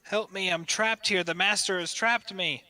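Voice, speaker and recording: A pleading dragon voice for a tabletop game, put on by a man. It is pitched high and bright, plaintive and timid where one might expect a boom. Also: steady tone, normal speed.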